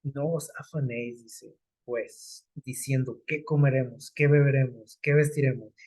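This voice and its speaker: Man, sermon, conversational, rhetorical questions, husky, warm tone. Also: mid-range voice, steady tone, a little slow, poor audio. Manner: conversational, explains scripture with everyday examples and rhetorical questions. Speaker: preacher.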